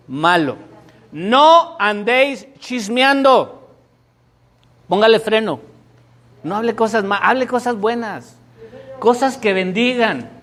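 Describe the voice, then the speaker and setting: A middle-aged man, a pastor preaching a sermon to his congregation with emphatic, dramatic storytelling. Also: high-pitched. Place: church sanctuary before a congregation.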